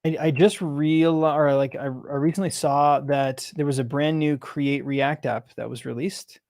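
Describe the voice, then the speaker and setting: Developer, male, halting think-aloud while debugging, dry close sound, unhurried. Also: fairly high pitch, fairly even intonation, darkish tone, dry recording. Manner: halting, self-questioning, many restarts. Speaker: software developer.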